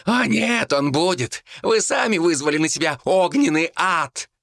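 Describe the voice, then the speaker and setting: A man's voice: on the high side, unhurried, gravelly, a bit bright, dry recording, clean studio sound, voice pushed up. A man voicing a scheming, ranting male monk who shrieks threats and then turns sugary.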